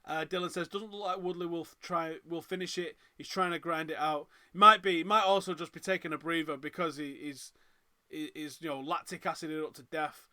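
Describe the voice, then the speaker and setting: This watchalong host talks a little fast with few pauses, his voice slightly high and his accent Northern English from Manchester. He offers chatty reaction commentary on the live fight and reads viewer comments aloud, getting loud and excited when big moments land.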